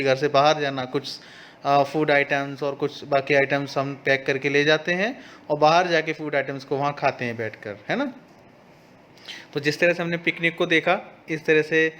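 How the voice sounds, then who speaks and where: A man's voice: fairly high pitch, fairly bright tone. A man teaching a young class in a lesson video, explaining patiently and reading English lines aloud. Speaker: school teacher.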